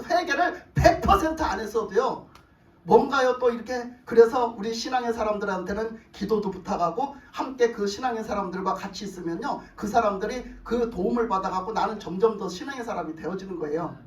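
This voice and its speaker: A male pastor preaching a sermon, retelling the story with animated acted voices and rhetorical questions to the congregation. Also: extremely high pitch, reverberant, recorded from a distance, rough recording. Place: church sanctuary.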